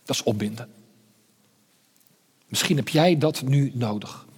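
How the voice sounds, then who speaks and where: A man's voice: mid-range voice, expressive, a little slow, breathy edge. Guy preaching a sermon, earnest, stumbles and repeats himself, big echoey church sound. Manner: earnest, repeats words, drops to hushed tones.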